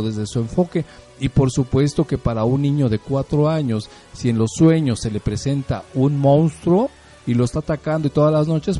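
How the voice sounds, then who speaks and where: A middle-aged man with a Mexican accent hosts a relaxed talk, his voice very dark and mellow. He tells stories in a chatty, conversational way, often tagging his points with rhetorical questions. Faint music plays underneath. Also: a little high. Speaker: host. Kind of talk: casual talk about parenting.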